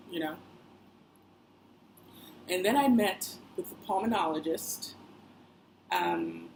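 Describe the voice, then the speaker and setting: Here a young woman with a fairly low, creaky voice rambles through a casual personal vlog. She's chatty, throwing in fillers and side comments. The audio is low quality, with faint noise in the background.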